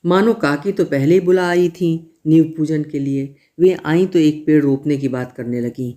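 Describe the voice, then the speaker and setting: A man reads a literary story aloud in the first person, measured and steady. His voice sits somewhat high with a mellow, soft timbre. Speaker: narrator.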